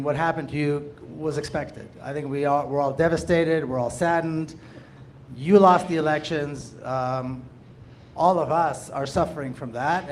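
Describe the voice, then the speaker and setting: Man from jerusalem, audience comment, emphatic, earnest, slightly high voice, faint noise. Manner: earnest, emphatic, repeats phrases. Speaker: audience member, activist. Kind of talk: impassioned public comment.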